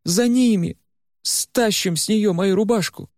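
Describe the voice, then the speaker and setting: A man voicing a frantic young woman trapped in a withered old body, pleading in a high, strained voice. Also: normal speed, a little mellow, dry recording, clean studio sound, natural voice. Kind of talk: audiobook character voice.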